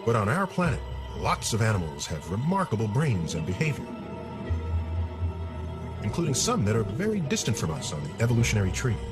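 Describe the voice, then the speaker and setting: A man hosting and narrating a nature documentary in a measured, scripted style, posing rhetorical questions. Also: medium pitch.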